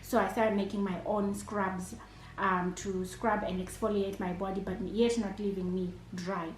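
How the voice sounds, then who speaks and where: A Zimbabwean entrepreneur and chef in her thirties answers interview questions hesitantly, with many fillers and restarts. Her mid-range voice is level and unhurried, recorded in an echoey room with slight background noise.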